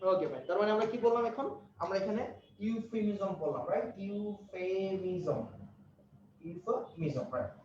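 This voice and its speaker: A man's voice: sits high, moderate pace, darkish tone, a little hiss or hum. A man teaching an English lesson online, repeating each point and quizzing his listeners again and again. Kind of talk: online lecture. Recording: echoey, muffled, from afar.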